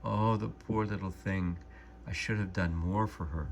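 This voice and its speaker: A man voicing a kind, worried older woman who owns a cat, in a soft, trembling voice, reading a storybook aloud. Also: deep voice, fairly even intonation, measured pace, creaky, slight background noise. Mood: tearful.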